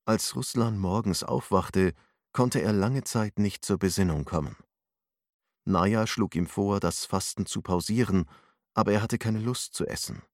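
A man narrating an audiobook in a measured, steady way. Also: lowish voice, dry recording, clean studio sound.

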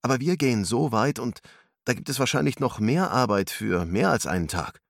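A man's voice: medium pitch, big pitch swings, moderate pace, no room sound, clean studio sound, voice pushed up. A man voicing a young man who questions doubtfully but stays cheerful.

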